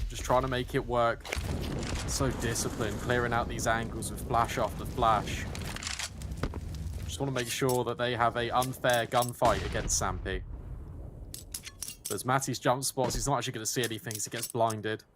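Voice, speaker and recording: A man commentating live on an esports match as a caster, narrating the action as it unfolds. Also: mid-range voice. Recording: noisy, game gunfire behind the voice.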